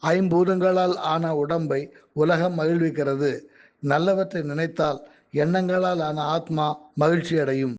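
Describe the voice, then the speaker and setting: A man reading his own magazine articles aloud in a measured, careful way. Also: fairly high pitch, fairly even intonation, lo-fi sound.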